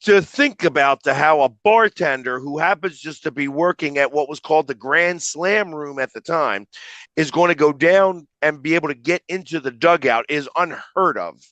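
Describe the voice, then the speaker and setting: A man in his fifties from the Philadelphia area, a guest telling animated stories in a casual interview. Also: fairly high pitch, normal speed, no room sound. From Philadelphia area, USA. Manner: animated anecdotal storyteller.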